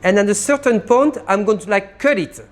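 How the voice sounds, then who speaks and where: This is a man with a high-pitched voice at a moderate pace, a sommelier guiding a live champagne tasting class. Recorded in a private tasting room, he's animated and explains things as he shows them.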